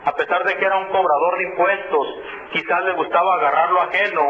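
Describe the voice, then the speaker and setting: High-voiced preacher on tinny radio. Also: male voice, steady tone, quick pace. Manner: earnest, repeats key phrases, addresses listeners as brothers. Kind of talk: sermon. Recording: echoey tinny phone-like radio broadcast with noise.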